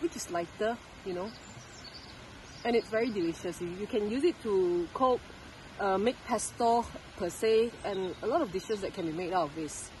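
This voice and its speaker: A woman's voice: medium pitch, normal speed, darkish tone, a little hiss or hum, rough recording. A young woman, chatting and explaining in a casual vlog, recorded outdoors in woodland by a stream on a handheld camera. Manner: chatty, explaining as she walks. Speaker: vlogger. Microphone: camera held at arm's length.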